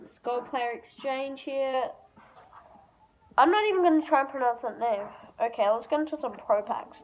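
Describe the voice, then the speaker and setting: A woman hosting a casual mobile game pack-opening video, chatting in a rambling way to her viewers. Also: on the high side. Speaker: mobile game channel host. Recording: tinny phone-like audio with faint hiss.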